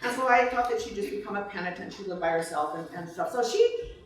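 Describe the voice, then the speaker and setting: Recorded on a far-off microphone in an echoey reception room with faint noise, a woman author first talks informally about her own book, then reads it slowly in a literary manner. She has a mid-range voice and talks fast.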